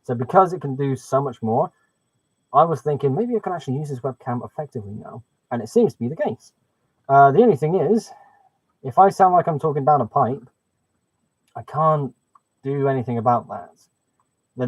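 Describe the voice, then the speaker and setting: A man's voice: mid-range voice, dry recording. A man chatting on a live stream and thinking aloud while fiddling with settings, his voice muffled and hollow through a webcam mic. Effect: muffled, hollow sound like talking through a pipe. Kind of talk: casual live-stream chat. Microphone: webcam microphone. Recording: dull, dry webcam mic sound.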